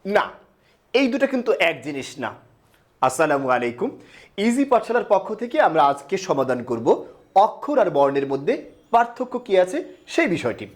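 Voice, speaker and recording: A man with a high voice teaches a grammar lesson to camera. He moves step by step, asking his viewers questions and then answering them himself. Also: very animated, fairly quick, long pauses.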